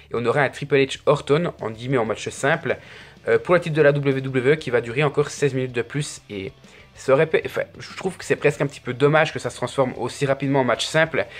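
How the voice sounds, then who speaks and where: Chatty French-speaking man reviewing wrestling. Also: medium pitch. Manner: chatty, filler-heavy with frequent restarts. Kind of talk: solo video review.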